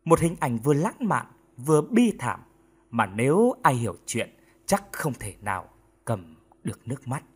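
Husky, lively male audiobook narrator. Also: medium pitch, moderate pace. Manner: expressive storytelling.

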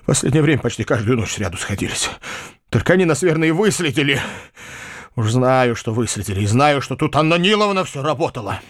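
A man voicing a kindly, anxious middle-aged country gentleman who confides in a breathless, rushed way. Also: medium pitch, very animated, no room sound, clean studio sound. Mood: confiding, flustered.

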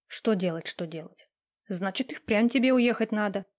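A woman's voice: mid-range voice, normal speed, a little mellow, natural voice. Cheeky young woman friend, matter-of-fact, a woman doing the voice in an audiobook. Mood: breezy. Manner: breezy, matter-of-fact, teasing. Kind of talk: audiobook character reading.

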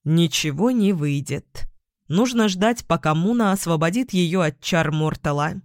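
A woman doing a calm earnest young man. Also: fairly low pitch, unhurried, no room sound, studio quality. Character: steady young man, calm and loyal friend.

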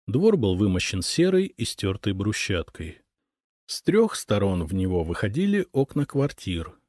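A man's voice: fairly low pitch, a little mellow, no room sound, clean studio sound. A man reading a first-person story as an audiobook narrator.

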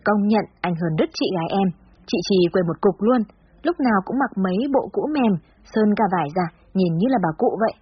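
A woman's voice: mid-range voice, lively intonation, a little fast, slightly rough, highs cut off. A woman voicing a teenage girl who gushes and teases in a bubbly way. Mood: gushing. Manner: bubbly, gushing. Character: teenage girl, chatty and teasing.

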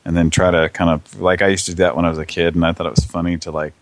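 Deep-voiced man, rambling casual host. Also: flat delivery, rapid-fire, no room sound. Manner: rambling, lots of fillers and swearing. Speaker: podcast host. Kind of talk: casual chat.

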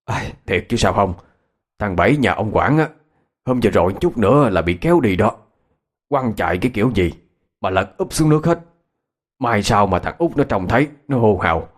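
Man playing an older neighbor man, calm, folksy, reassuring, fatherly. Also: on the low side, normal speed. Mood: soothing.

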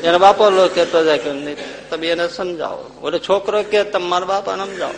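A man's voice: high-pitched, fairly even intonation, brisk, crowd noise. A man, a monk telling a humorous anecdote in a sermon and acting out the voices of the people in it. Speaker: monk giving a discourse. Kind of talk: sermon storytelling. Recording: echoing hall with faint hum.

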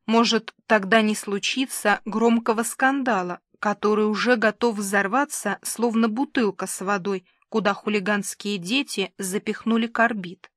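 A woman's voice: mid-range voice, steady tone, normal speed, few pauses, a bit bright, dry recording, studio quality. A woman narrating a comic novel in the first person, in a wry, conversational storytelling manner. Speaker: audiobook narrator.

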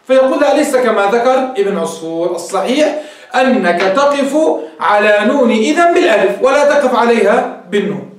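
A man teaching a grammar class, explaining step by step and quizzing his students with questions as he goes. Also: high-pitched. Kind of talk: classroom lecture. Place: classroom with a board. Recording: very echoey room, mic far off.

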